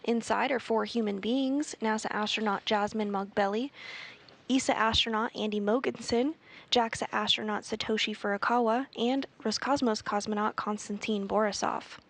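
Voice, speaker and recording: A woman's voice: a little high, fairly even intonation, moderate pace, gravelly, a bit bright. Woman giving live space mission commentary. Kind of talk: live broadcast commentary, measured announcing.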